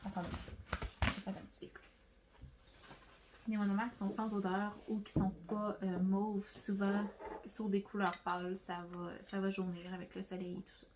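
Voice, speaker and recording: A woman's voice: medium pitch, noisy background. A woman from Quebec with a Québécois French accent, chatting casually through a nail product haul at home, rambling with lots of fillers and restarts. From Quebec, Canada. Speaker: nail beauty vlogger.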